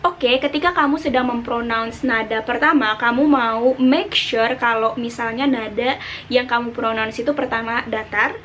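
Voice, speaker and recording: A woman's voice: fairly high pitch, normal speed, fairly bright tone, slight background noise. A young woman with an Indonesian accent, giving a casual online Mandarin lesson and drawing out syllables to show the tones. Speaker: Mandarin teacher.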